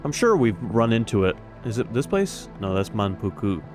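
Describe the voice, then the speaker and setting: Low-voiced, dry male game streamer. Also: very animated, normal speed. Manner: dry, wry asides. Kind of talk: casual let's play commentary. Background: clear game music and sounds.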